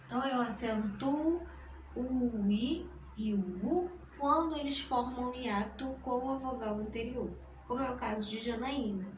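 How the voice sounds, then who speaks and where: A woman teacher explains a grammar lesson, speaking deliberately and splitting words into syllables. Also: a little high, far from the mic. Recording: roomy echo, voice from the mic, faint noise.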